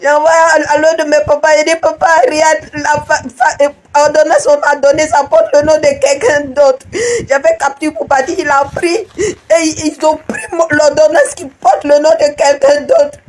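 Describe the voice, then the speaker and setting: A distraught woman speaks through her tears, pleading and stumbling over repeated words. Her voice sits high and strained as she cries. She gives the raw, emotional testimony of a grieving mother. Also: fairly even intonation, moderate pace, poor audio. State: crying.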